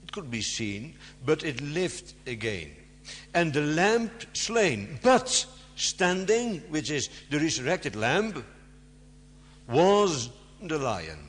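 A man preaching to an audience, stressing key words with sharp rises and sometimes pausing with fillers to find his words. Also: fairly high pitch, sing-song. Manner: halting, searches for words with fillers. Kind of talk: sermon. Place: large hall before an audience. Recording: long hall reverb.

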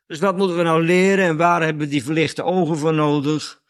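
A man giving informal Bible teaching, chatting conversationally, tagging his points with questions, and slowing down to read scripture with emphasis. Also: fairly high pitch, level tone. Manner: reads scripture slowly with emphasis.

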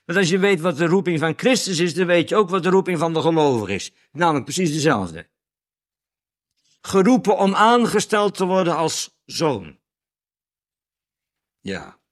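A man giving informal Bible teaching, chatting conversationally, tagging his points with questions, and slowing down to read scripture with emphasis. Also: a little high, very animated. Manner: reads scripture slowly with emphasis.

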